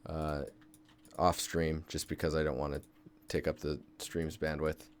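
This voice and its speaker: Speaking slowly and flatly in a rumbling low voice, this young man from Seattle, Washington, runs a casual live-stream tutorial as a game environment artist. He chats with viewers and thinks aloud at his desk, with slight background noise.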